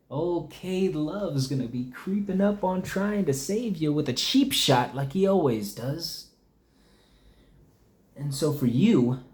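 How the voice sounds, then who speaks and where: A man delivering a wrestling promo as a wrestler, with menacing, deliberate trash talk. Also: medium pitch, a little mellow.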